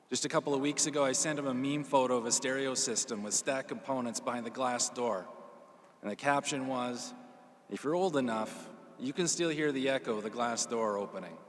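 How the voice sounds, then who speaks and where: A man speaks as master of ceremonies at a memorial, giving a measured, plain-spoken eulogy to a gathering. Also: mid-range voice. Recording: echoey hall with long reverb.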